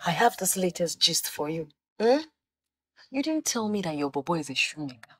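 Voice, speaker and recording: A woman's voice: fairly low pitch, big pitch swings, moderate pace, dry recording. A Nigerian woman playing a flashy, boastful young woman who teases and gossips, mixing Pidgin into her English. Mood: gossiping. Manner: teasing, boastful, mixes in Pidgin. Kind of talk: Nollywood film acting.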